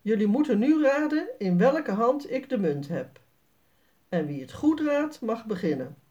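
A woman's voice: a little high, very animated, measured pace, dark tone, dull audio. A woman reading as a cheerful coaxing mother. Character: friendly patient mother, adult woman.

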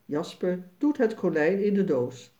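A narrator reading a children's storybook aloud, slow, clear and expressive. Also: mid-range voice, highs cut off.

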